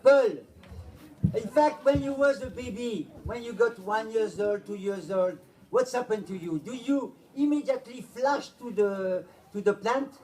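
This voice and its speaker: Very high-voiced Frenchman singing welcomes. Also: a little slow, darkish tone. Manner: sing-song, playful, broken English. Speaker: comic musical performer. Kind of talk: sung welcome and comic banter. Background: guitar playing.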